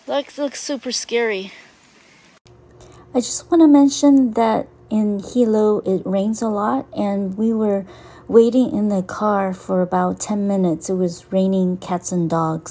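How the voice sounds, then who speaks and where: A middle-aged woman narrating a casual travel vlog outdoors, chatty and hesitant with many ums, recorded on a handheld camera. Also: fairly high pitch. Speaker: travel vlogger. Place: outdoors in a rainforest and inside a lava cave.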